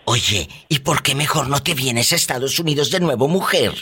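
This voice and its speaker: A man's voice: mid-range voice, lively intonation, moderate pace, bright, forceful tone, husky. A man with a Mexican accent hosting a call-in radio show, theatrical and playful, gasping and exclaiming. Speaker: radio host.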